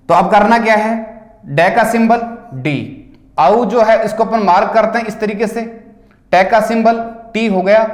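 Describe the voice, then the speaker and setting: A man teaching an exam-solution lesson in Hindi with a Rajasthani accent, explaining step by step and answering his own questions. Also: high voice. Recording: echoey room.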